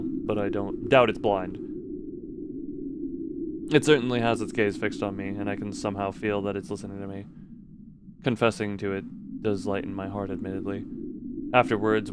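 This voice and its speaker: Over background noise, a man with a lowish voice streams a game casually, commenting and reading the on-screen text aloud. He trips over words frequently and goes back to fix them.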